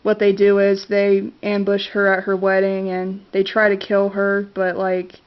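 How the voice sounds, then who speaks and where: A smooth, medium-pitched, monotone voice moves a little slowly as this vlogger, congested with a cold, casually reviews favorite movies. She's hesitant, with frequent fillers and restarts, recorded in dull lo-fi camera audio.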